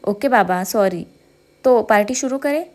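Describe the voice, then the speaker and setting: A woman's voice: fairly high pitch, unhurried, darkish tone, natural voice. Woman voicing a teasing young groom. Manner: teasing, jokey.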